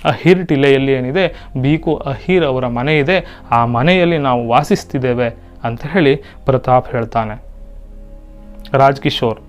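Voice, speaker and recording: Male Hindi teacher explaining. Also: mid-range voice. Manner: reads Hindi lines, then explains them in Kannada. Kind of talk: lesson explaining a Hindi play in Kannada.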